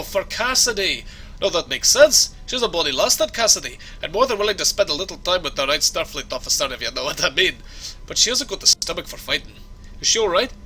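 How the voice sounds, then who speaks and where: A man's voice: on the high side, pushed and bright, slight background noise, voice pushed up, low-quality recording. A man putting on a blustery Scottish starship engineer. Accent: put-on Scottish. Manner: hearty, blustery, rolling brogue. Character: boisterous male Scottish starship engineer, fond of whisky.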